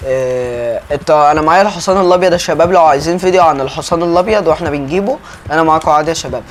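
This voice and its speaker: A man's voice: fairly high pitch, racing, a little hiss or hum. A young man with an Egyptian accent chatting through gameplay commentary, calling out to his viewers all the time. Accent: Egyptian Arabic. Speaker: gaming YouTuber.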